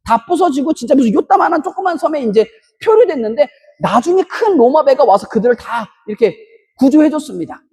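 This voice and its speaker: A Korean pastor preaching an emphatic sermon in a church, breaking into loud shouted bursts between storytelling asides. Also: high voice, lively intonation, fairly quick. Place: church sanctuary. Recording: long reverb of a church hall.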